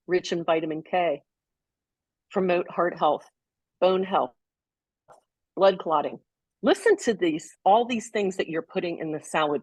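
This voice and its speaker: A woman's voice: on the low side, darkish tone, slightly rough, no echo. A woman co-hosting a health show, chatting casually and explaining step by step as she prepares a salad. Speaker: co-host. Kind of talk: casual cooking demo chat.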